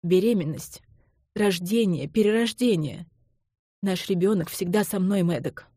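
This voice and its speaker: Woman reading a heartbroken young woman, tearful, pleading, mellow low voice, dry close sound, audiobook. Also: a little slow, husky, no room sound. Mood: quiet. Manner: soft voice breaking into pleading cries. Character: young woman, calm then tearful and desperate.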